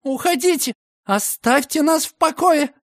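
A man voicing an indignant older woman who runs a boarding house, her lines shrill and wailing. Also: measured pace, a bit bright, no echo, clean studio sound. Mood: outraged.

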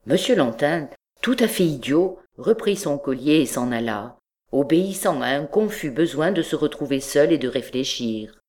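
A woman reading a classic story aloud as an audiobook, in measured narration. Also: low-pitched, lively intonation, a little mellow. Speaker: audiobook reader.

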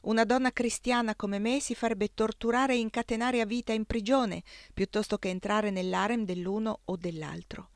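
Brisk widowed governess, resolute, dry close voice, read by a woman. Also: fairly high pitch, fairly even intonation, no echo, lightly acted. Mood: firm. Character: Anna, firm widowed English governess.

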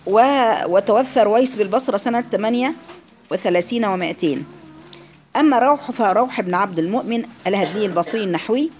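A woman's voice: medium pitch, lively intonation, fast talker, a little mellow. A woman with an Egyptian accent teaching Quran recitation rules in a classroom lecture, explaining each rule and quizzing her students with questions.

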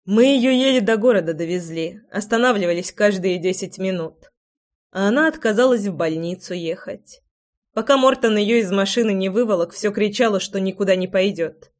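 A woman's voice: medium pitch, moderate pace, natural voice. A reader doing a frank young woman. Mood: reproachful.

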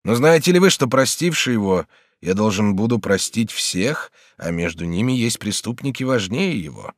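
A man's voice: on the low side, very animated, moderate pace, no room sound, studio quality. A man reading an audiobook voices a kindly, easily moved middle-aged prince regent, exclaiming and questioning with raised emotion. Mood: earnest. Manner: exclaiming, warm and agitated.

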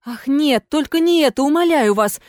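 A woman's voice: high voice, expressive, normal speed, darkish tone, dry recording, studio quality. A woman voicing a fearful, pleading female water ghost in an audiobook, in a plaintive, imploring manner. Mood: desperate.

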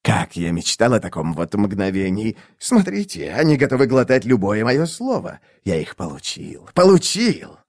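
A man's voice: fairly low pitch, sing-song, normal speed, few pauses. A man voicing a sly, lecherous mage who babbles eagerly and mutters scheming asides to himself.

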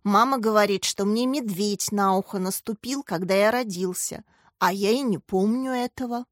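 A woman's voice: mid-range voice, moderate pace, no echo, studio quality, lightly acted. A woman voicing a gloomy little schoolboy who speaks glumly. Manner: glum and sighing.

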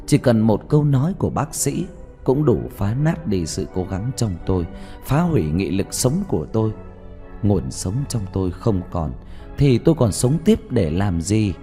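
A man with a low, mellow voice narrates a sad first-person story. His delivery is slow and mournful, and the pitch rises and falls widely. Soft music plays beneath him. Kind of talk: dramatic audiobook narration. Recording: soft music bed behind.

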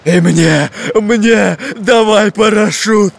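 Brief: male reader as a fat grumpy pirate, loud growl, raised pitch. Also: takes it slowly, creaky, full character voice. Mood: angry.

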